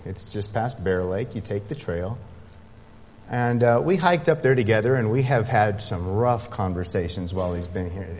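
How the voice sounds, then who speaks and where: A man preaching a sermon as pastor, speaking emphatically to his congregation. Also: on the low side. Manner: building from quiet prayer to loud, emphatic preaching. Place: church sanctuary. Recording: long hall reverb.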